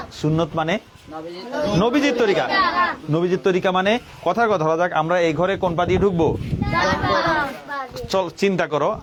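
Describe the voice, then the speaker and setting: A man with a Bangladeshi Bengali accent teaches a room of pupils, firing the same questions again and again until they answer. His voice sits a little high. A crowd of children and loud noise fill the room behind him. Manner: repetitive questioning, drilling pupils. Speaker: religious teacher. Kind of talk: classroom lesson with call and response. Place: classroom full of pupils.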